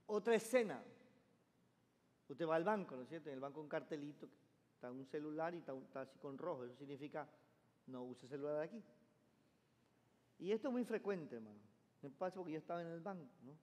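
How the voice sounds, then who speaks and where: A man's voice: on the high side, lively intonation, quick pace, darkish tone. A man preaching a sermon as pastor, emphatic and calling the congregation to repeat phrases after him. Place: church sanctuary. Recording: long church reverb.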